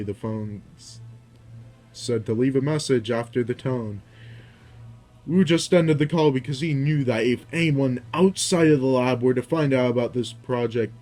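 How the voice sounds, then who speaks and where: A young man narrating his own fan fiction aloud, in a steady storytelling manner with small slips and restarts. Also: mid-range voice.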